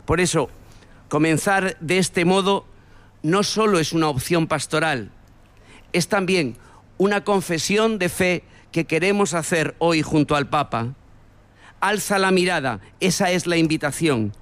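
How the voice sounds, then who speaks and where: Male speaker, formal address, smooth and clear, slow and solemn. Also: on the high side, fairly bright tone. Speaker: speaker at a church event.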